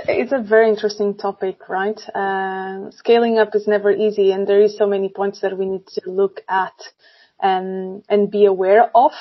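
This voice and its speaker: A woman from Portugal, a tech recruiter talking as a podcast guest in a friendly, filler-heavy way. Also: mid-range voice. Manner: friendly, apologetic, many fillers. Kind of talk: casual podcast chat. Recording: dull lo-fi sound.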